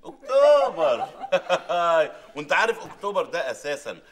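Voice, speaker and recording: An actor with an Egyptian Arabic accent, playing an exasperated, sarcastic man of the house who mocks and shouts. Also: sits high, lively intonation. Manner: sarcastic, mocking, quick to shout. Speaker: sitcom character.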